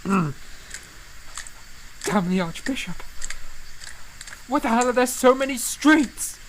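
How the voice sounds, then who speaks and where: A woman's voice: fairly high pitch, lively intonation, takes it slowly, slight background noise, low-quality recording. A woman playing Mozart as an irritable, cursing, drunken young man in an audio drama. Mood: angry, grumbling. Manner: blustering, exclamatory, groaning.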